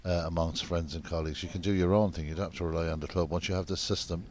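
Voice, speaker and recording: Very deep-voiced male snooker commentator. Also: fairly even intonation, very fast, a little mellow, slight background noise. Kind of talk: live snooker commentary with chat.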